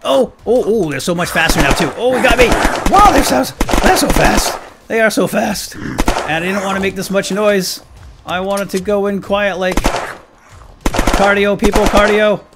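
Heavy background noise surrounds this man's high-pitched voice, which moves at a moderate pace. Hosting a gaming series, he gives playful, casual let's play commentary, exclaiming as he talks to himself and his audience.

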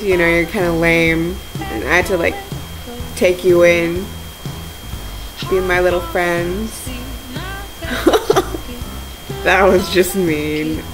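A young woman vlogs from her living room, sounding tired and sleep deprived. She talks slowly in casual, slangy chat with deadpan jokes. It is a home webcam recording with music behind her. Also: lowish voice, rough recording. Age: young adult. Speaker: video blogger. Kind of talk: casual chat to friends on camera. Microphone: webcam or laptop mic at arm's length.

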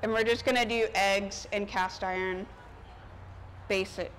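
Cooking busily for an audience on an outdoor covered market stage, a woman in her thirties gives an informal chef's demo at a medium pitch, a touch slow, with fairly even intonation and a fairly bright tone. The lapel-mic audio is rough, backed by outdoor park ambience.

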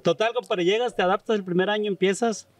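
A man's voice: high voice, fairly even intonation, quick pace, no room sound. A man hosting a casual interview, talking in slang and calling his guest "compadre". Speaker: podcast host.

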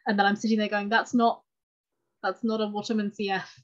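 A woman speaks fairly quickly in a mid-range voice with a level tone. Presenting a chatty, self-effacing talk on fountain pens over a video call from her home, she's recorded through the call microphone, and the audio is dull and lo-fi.

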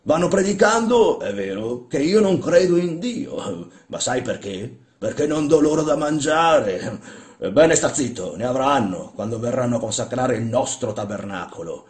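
Bossy mocking old guy, read out by a man, loud, swings his pitch a lot, echoey room. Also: expressive, moderate pace, close to an everyday voice. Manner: loud, scolding, commanding. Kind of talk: dramatic literary reading. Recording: roomy echo.

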